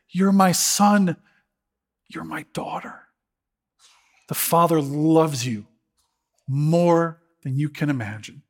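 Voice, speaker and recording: A middle-aged male pastor delivers a sermon in an earnest, emotional way, stumbling and restarting as he goes. His voice sits a little high for a man.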